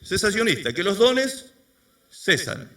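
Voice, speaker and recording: Male pastor, high lively delivery, questions the crowd, mic set back. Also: a little slow, distant mic. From Argentina. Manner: quizzes the congregation with rhetorical questions. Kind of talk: sermon. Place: church service before a congregation.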